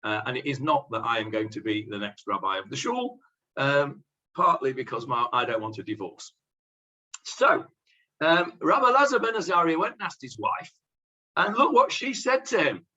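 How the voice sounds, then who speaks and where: A man teaching a Talmud class as rabbi, halting with many fillers and dry humorous asides. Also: mid-range voice, very animated, bright, forceful tone, dull audio. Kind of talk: Talmud lesson.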